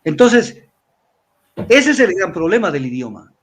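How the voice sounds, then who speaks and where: Older male commentator from Ecuador, high-pitched, lecturing, repetitive. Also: sing-song, a little slow. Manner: lecturing, repeats words, spells letters out. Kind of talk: weekly analysis talk.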